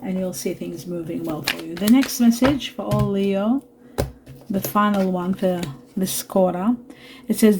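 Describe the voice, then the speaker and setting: A woman giving a spiritual tarot reading to her viewers, talking softly and reassuringly, pausing with fillers and asides. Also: medium pitch, slight background noise. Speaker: tarot reader. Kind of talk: spiritual card reading to camera.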